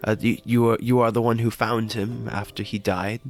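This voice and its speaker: A man's voice: lowish voice, flat delivery, moderate pace, soft background music. A man playing a tabletop game in character, stammering and repeating words often. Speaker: player.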